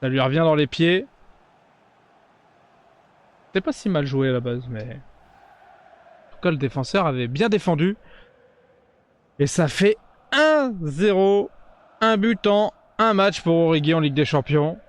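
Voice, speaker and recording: Gaming YouTuber, male, higher-pitched, chatty and excitable, casual play-along commentary. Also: a little slow, long pauses, smooth. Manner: excitable, cheers and shouts during big plays; chatty, talks straight to viewers.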